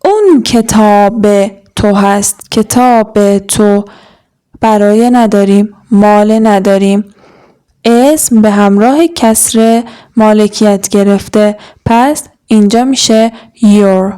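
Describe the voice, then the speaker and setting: Mellow-voiced woman teaching grammar slowly. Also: medium pitch, smooth. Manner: slow, deliberate, stretching out words. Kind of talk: explaining and modeling sentences.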